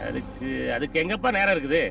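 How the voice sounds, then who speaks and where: A man's voice: on the high side, lively intonation, fast, creaky, background noise. An actor playing a stern businessman giving curt orders in film dialogue. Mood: brisk. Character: stern businessman boss, brisk and threatening. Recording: distant film sound with music.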